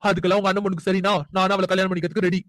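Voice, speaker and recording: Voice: medium pitch, flat delivery, very fast, no room sound, close to an everyday voice, low-quality recording. Someone doing a hot-tempered cartoon young man. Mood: angry. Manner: shouting, demanding. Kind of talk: cartoon voice acting.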